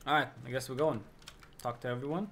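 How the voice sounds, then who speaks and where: A man's voice: medium pitch, fast talker, a little hiss or hum. Joking male game streamer. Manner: joking, excitable. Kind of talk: gameplay commentary.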